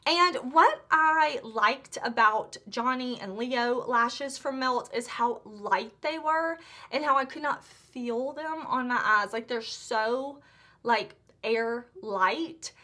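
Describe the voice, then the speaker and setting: A woman talks through her beauty haul in a high, bright voice. She gushes and chats casually, her sentences full of "like" and quick restarts. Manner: gushing, chatty, full of "like" and restarts. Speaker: beauty vlogger.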